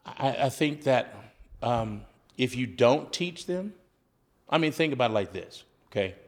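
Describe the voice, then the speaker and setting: A man's voice: mid-range voice, expressive, measured pace. A man who is a former coach, talking as a podcast guest in an earnest, preacher-like way, often asking rhetorical questions. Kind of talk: conversational storytelling with preaching.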